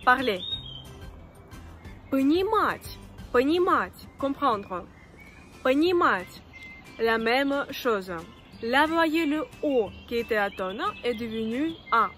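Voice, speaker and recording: A woman who speaks natively gives an online language lesson, patient and lively, repeating words slowly. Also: a little high, soft background music. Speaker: Russian teacher.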